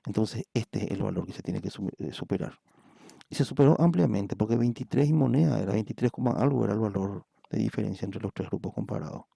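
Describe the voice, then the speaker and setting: A man's voice: fairly low pitch, quick pace, gravelly, mellow, breathy edge, dry recording, studio quality. A man, a psychometry professor, giving a recorded statistics lecture. He explains patiently, repeats words and checks in with "¿verdad?" often.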